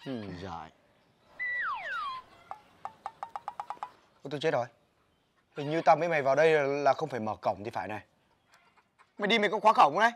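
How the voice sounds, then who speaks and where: A man's voice: a little high, sing-song, racing, a little hiss or hum. A man with a Northern Vietnamese accent playing an exasperated older brother who scolds his little sister in a village comedy sketch. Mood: scolding. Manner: scolding, exasperated, loud complaining.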